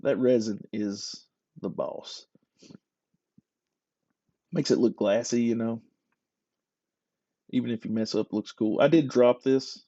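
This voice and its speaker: A man with a mellow, darkish voice chats through a hobby craft tutorial, joking at his own expense. The sound is dry and close with no room around it, and a little dull and lo-fi. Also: medium pitch, steady tone, takes it slowly, pauses often, dry recording. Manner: self-deprecating, joking, chatty. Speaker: hobby lure carver. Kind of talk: casual voice-over tutorial.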